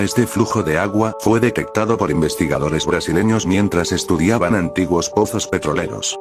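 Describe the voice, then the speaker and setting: A man reading scripted nature documentary narration in a measured, explanatory storytelling manner. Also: sits low.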